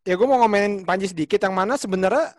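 A man, a stand-up comedian, thinking aloud in casual panel talk with many pauses and restarts. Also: sits high, no echo.

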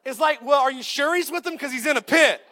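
A man in his thirties delivers a sermon in a very high voice. He is joking and punchy, and he calls out to the congregation. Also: quick pace, bright, forceful tone. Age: 30s. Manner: joking, punchy preaching with call-outs to the crowd. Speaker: pastor.

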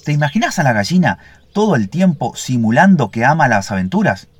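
A man's voice: mid-range voice, very animated, a little fast, slight background noise, lightly acted. A man voicing a young, earnest and somewhat timid male ovenbird in a storybook fable. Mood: reflective.

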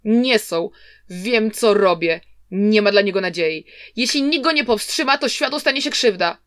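A woman's voice: mid-range voice, expressive, moderate pace, fairly bright tone, no room sound, clean studio sound, close to an everyday voice. A woman voicing a stern, hot-tempered elder warrior brother who speaks bluntly and scornfully.

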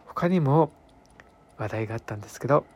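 A man's voice: mid-range voice, expressive, brisk, lo-fi sound, slight background noise. A man telling anecdotes as a radio presenter, chatty and emphatic, often checking in with listeners. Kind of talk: conversational storytelling monologue.

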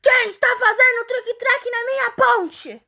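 A woman voicing a greedy, bad-tempered old male troll who roars threats, pitched well above her usual voice. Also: big pitch swings, unhurried, creaky, a bit bright, heavily acted. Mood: roaring. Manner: roaring, threatening.

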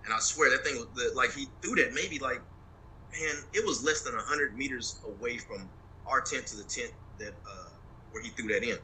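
A man in his forties, a military veteran guest, telling war stories in a profane, animated way on a call from his phone. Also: medium pitch, moderate pace, a little hiss or hum, poor audio. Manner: profane, animated storyteller, laughs a lot. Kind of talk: casual storytelling interview.

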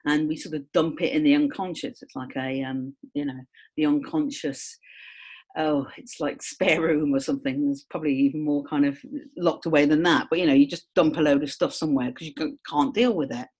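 Lower-pitched woman explaining things casually. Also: a little fast, slightly rough. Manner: rambling, full of "kind of" and "you know"; chatty, self-mocking, lively.

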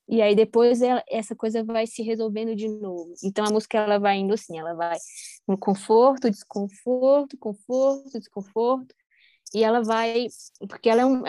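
A woman's voice: a little high, warm tone, no echo. A woman, talking casually as a musician guest, rambling with many fillers and restarts. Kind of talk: casual conversation.

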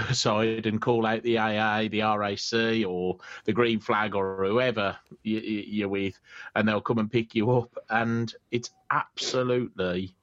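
A man's voice: fairly low pitch, no room sound, lo-fi sound. A man with a British accent co-hosting a casual chat in an agreeable, emphatic way. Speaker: podcast co-host.

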